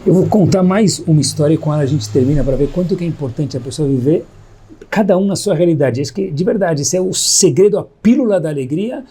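A man gives a storytelling Torah lesson to his listeners, voicing each character's lines in turn. His voice sits a bit high but sounds dark and husky. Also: fast talker. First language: Hebrew terms mixed in. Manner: animated storyteller, acts out quoted dialogue. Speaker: rabbi teaching a Torah class.

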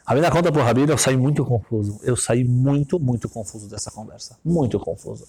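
A man's voice: mid-range voice, fast. A man telling a moral story in a sermon, acting out each character. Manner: animated, acts out every voice.

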